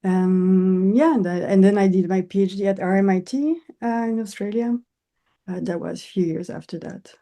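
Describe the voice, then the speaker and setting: A woman's voice: medium pitch, fairly even intonation, moderate pace, dark tone. A woman from Switzerland, an English speaker, answering interview questions as an architect and professor, hesitant with many fillers. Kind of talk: interview conversation.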